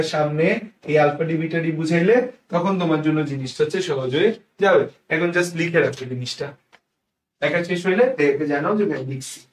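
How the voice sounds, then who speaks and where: A young man from Bangladesh teaching a biology exam-prep lecture, drilling terms with quick questions and answers. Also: fairly high pitch, recorded from a distance. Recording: echoey room, mic set back.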